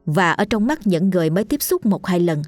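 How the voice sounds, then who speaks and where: Woman reading a spooky story, lowish voice, soft music behind. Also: very animated, a little fast, no echo. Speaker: audiobook narrator. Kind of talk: scripted ghost story narration. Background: faint background music.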